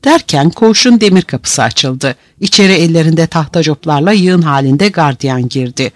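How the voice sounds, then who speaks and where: A man's voice: fairly high pitch, expressive, normal speed, no room sound, studio quality. A man narrating a novel aloud in a vivid, dramatic reading style.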